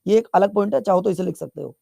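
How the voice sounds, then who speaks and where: A man's voice: sits high, quick pace, vocal fry, mellow, no echo, clean studio sound. A male teacher from Bihar giving a chatty classroom lecture, repeating his questions and teasing students as he scolds them. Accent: Bihar Hindi.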